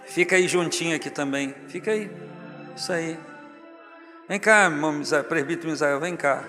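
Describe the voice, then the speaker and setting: A man's voice: on the high side, moderate pace, pushed and bright, long reverb tail, soft background music. A Brazilian man preaching as pastor, jovial and teasing as he calls church members up to the front. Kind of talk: sermon. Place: large church hall, music underneath.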